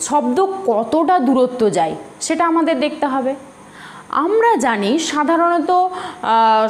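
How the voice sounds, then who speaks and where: A woman teaches a physics class, patient and explanatory, often asking her students a question before answering it. Her voice sits high and swoops with lively intonation. The recording is roomy with a faint hiss underneath. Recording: echoey room with faint hiss.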